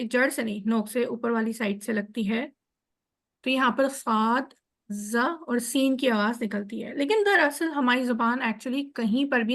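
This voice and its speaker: A woman's voice: on the high side, a bit bright. A woman giving an online lesson on Arabic letter sounds, explaining patiently step by step over a video call. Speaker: Quran teacher.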